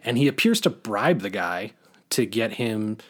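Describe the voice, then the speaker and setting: A man's voice: lowish voice, sing-song, measured pace, breathy edge. A man co-hosting a podcast, chatting casually about a film, rambling with many fillers and restarts. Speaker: podcast co-host.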